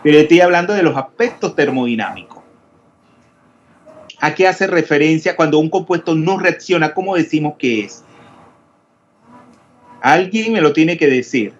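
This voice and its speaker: A man's voice: on the high side, lively intonation, normal speed, long pauses. A man teaching a chemistry class online, explaining step by step and questioning his students, with frequent hesitations. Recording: dull lo-fi audio with faint noise.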